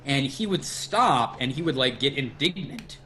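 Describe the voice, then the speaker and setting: A male podcast host chatting casually, his voice swinging widely in pitch as he tells a story. He curses freely and drives the conversation with loose, animated energy. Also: unhurried, a little hiss or hum. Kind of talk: casual chat. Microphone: livestream podcast mic.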